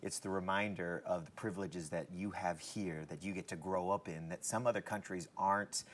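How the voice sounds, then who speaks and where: Deep-voiced New Zealand pastor. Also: male voice, steady tone, moderate pace. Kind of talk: panel discussion.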